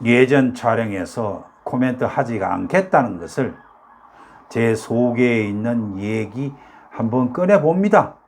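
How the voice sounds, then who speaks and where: An older man from North Gyeongsang, South Korea, hosts a YouTube talk show, chatting casually and rambling with lots of fillers and rhetorical questions. His Gyeongsang accent rides on a mid-range, darkish voice with lively intonation and an unhurried pace.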